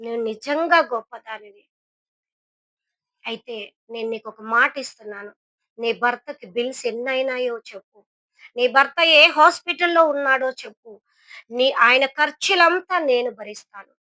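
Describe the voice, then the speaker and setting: A woman voicing a kind, humble middle-aged man who poses as a beggar, speaking in a soft, pleading way. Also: high-pitched, a little slow, long pauses, no room sound. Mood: earnest. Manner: pleading, then earnest and kind.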